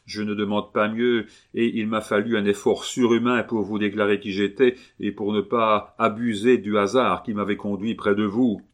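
A man's voice: lowish voice, flat delivery, normal speed, hardly any pauses, close to an everyday voice. A man playing a grave young monk who speaks firmly and with control. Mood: warning.

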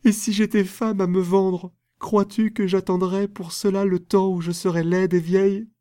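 A man's voice: high voice, steady tone, a little slow, darkish tone, dry recording, studio quality, voice pushed up. A man reading aloud voices a proud, passionate young woman in a storybook, with an impassioned, theatrical delivery. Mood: indignant.

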